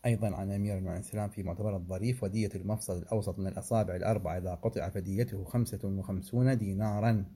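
A man gives a seminary-style lesson on religious law. He recites each figure in a measured, deliberate way and stops now and then to explain or correct himself. His voice sits low and has a warm, dark tone. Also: fairly even intonation, husky. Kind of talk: seminary lecture, reading and explaining a text.

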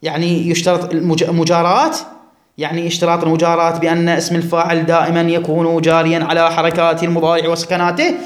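A man's voice: a little high, monotone, fast talker. A man teaching a classroom grammar lesson, drawing out and repeating words for his students. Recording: echoey room.

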